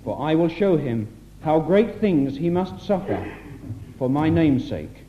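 A man's voice: on the high side, sing-song, unhurried, mellow. A man solemnly reading scripture aloud at a church meeting, heard on an old 1960s tape recording. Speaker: scripture reader at a church address. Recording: muffled old tape with faint hiss.

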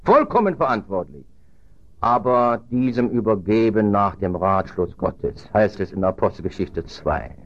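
A man preaching a sermon in earnest, dropping low and quiet, then rising loud and high for emphasis. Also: fairly even intonation, measured pace, few pauses, muffled recording.

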